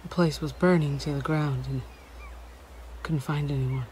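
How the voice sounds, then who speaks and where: An actress playing a tough adult female survivor in a video game. She speaks in a low, subdued way. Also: fairly even intonation, measured pace, a little mellow, slight background noise. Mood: shaken.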